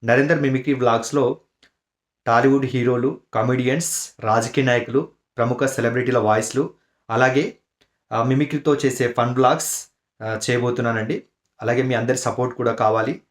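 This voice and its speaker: A man's voice: mid-range voice, moderate pace, pauses often. Polite male vlog host. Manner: polite, relaxed, with hesitation fillers. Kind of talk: casual channel intro.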